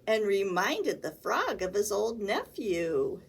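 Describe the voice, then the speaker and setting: Reading a picture book to children, a librarian with a medium-pitched, sing-song voice that's creaky with a breathy edge takes her time. She hams it up with theatrical emphasis, acting out animal noises and sneezes.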